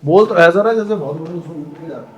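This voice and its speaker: A man's voice: on the high side, fast, muffled recording, a little hiss or hum. A young man telling a story to friends, acting out the lines of the people in it. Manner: acts out dialogue in shifting voices. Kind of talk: animated storytelling among friends.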